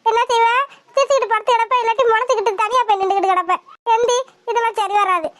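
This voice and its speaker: A woman's voice: very high voice, fairly even intonation, racing. A woman voicing a fussy, superstitious old village grandmother in a cartoon, who scolds and frets in a nagging way. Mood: scolding. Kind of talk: cartoon voice acting.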